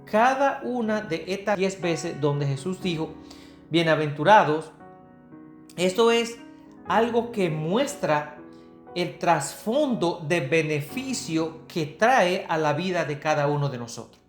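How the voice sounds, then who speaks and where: A woman's voice: on the low side, animated, slow pace. Woman preaching in an echoey room. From Dominican Republic. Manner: earnest, asks and answers rhetorical questions. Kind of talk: Bible teaching sermon. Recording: echoey room with soft guitar music. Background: faint guitar music.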